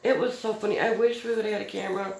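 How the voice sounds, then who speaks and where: Telling a chatty story as she crafts, the middle-aged host talks quickly in a steady, mid-range voice that is creaky and a little mellow. She laughs a lot and uses many fillers, and the room echoes with faint noise in the background.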